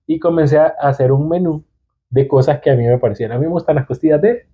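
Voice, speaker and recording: Speaking quickly in a husky, higher-leaning voice, a young Salvadoran-accented man joins a podcast as an entrepreneur guest, chatting casually with hesitant restarts. The recording has a thin, phone-like quality.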